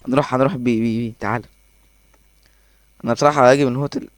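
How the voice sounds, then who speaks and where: A man with an Egyptian accent giving excitable gameplay commentary, laughing often and talking to himself as he plays. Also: mid-range voice, no room sound. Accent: Egyptian Arabic. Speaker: gaming YouTuber.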